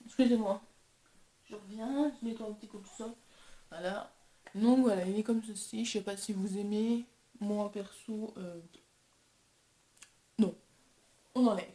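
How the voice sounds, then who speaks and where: A woman's voice: mid-range voice, fairly even intonation, a little slow, long pauses, mellow, roomy sound. A young woman vlogger chatting casually and self-deprecatingly while testing makeup. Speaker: beauty vlogger. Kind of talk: casual chat.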